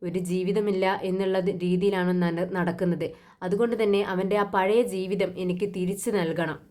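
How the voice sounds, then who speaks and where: A woman's voice: on the low side, fairly even intonation, moderate pace, a little mellow. A woman narrating a TV serial recap in a casual voice-over, retelling scenes with frequent restarts.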